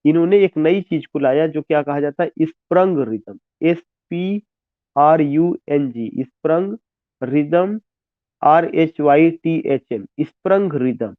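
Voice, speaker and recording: Man, Indian accent, teacher, exam-prep lecture, slow, spells words letter by letter, mixes Hindi and English, tinny phone-like audio. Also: fairly high pitch, dry recording. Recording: tinny phone-like dry sound.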